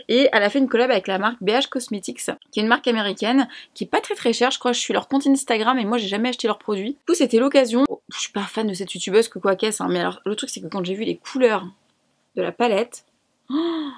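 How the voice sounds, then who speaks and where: A woman from France chatting casually in a beauty haul video, enthusiastic and fond of repeating words for emphasis. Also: mid-range voice. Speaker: beauty vlogger.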